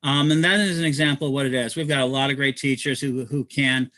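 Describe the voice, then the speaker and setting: This man speaks fast with a sharp tone and mostly even intonation at a medium pitch, recorded without echo. As host of a promotional livestream, he rambles excitedly about community projects, restarting again and again.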